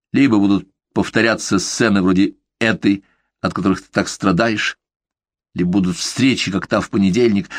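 A man's voice: deep voice, no echo, clean studio sound. A man reading the lines of a tormented young woman who answers curtly and coldly. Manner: curt, cold.

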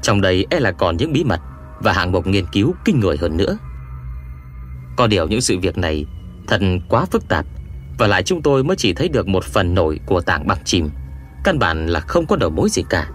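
A man reading an adventure audiobook aloud in a measured, expressive first-person storytelling manner. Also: sits low, faint music behind. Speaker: audiobook narrator. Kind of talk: scripted first-person narration.

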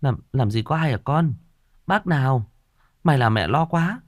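A man's voice: medium pitch, animated, rapid-fire, mellow, dry recording, studio quality, voice pushed up, close to an everyday voice. A man voicing a stern, bossy elderly grandmother who scolds her family. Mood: scolding.

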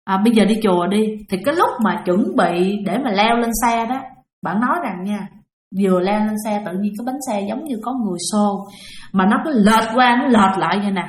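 A woman's voice: medium pitch, expressive, fairly quick. A woman narrating a ghost story in a chatty way, often speaking straight to her listeners. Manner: chatty, addresses listeners directly. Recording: roomy echo.

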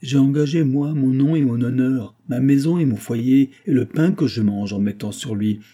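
A man voicing a desperate, bitter brewery clerk who talks hoarsely and accuses in near-hysterical outbursts. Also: medium pitch, fairly even intonation, moderate pace, warm tone. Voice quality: hoarse, breathless.

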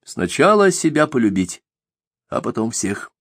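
A man voicing an old, gentle and tired holy man who speaks patiently, in an audiobook. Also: mid-range voice, very animated, measured pace, no room sound, studio quality. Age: older. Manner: soft, patient, calls others "son".

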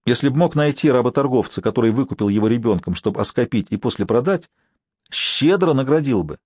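A man's voice: lively intonation, fairly quick, darkish tone, dry recording. A man narrating a historical novel as an audiobook, reading evenly and lifting his voice for the characters' outbursts. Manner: reads evenly, raises pitch and volume for characters' outbursts.

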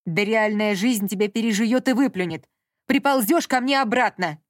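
A woman voicing a domineering, guilt-tripping middle-aged mother who talks down slowly and scolds, in a dry audiobook reading. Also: mid-range voice, no echo, close to an everyday voice. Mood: scornful. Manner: slow, scolding and condescending.

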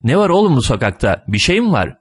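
A man voicing a prudish, nagging old grandmother in a read-aloud story, with a shrill, scolding manner. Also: big pitch swings, fast talker, husky. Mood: puzzled.

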